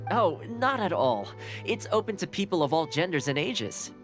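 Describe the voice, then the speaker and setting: A friendly young housekeeper in a video game. He talks in an easygoing, earnest way with lively pitch. Soft music sits behind him. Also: moderate pace. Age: young adult.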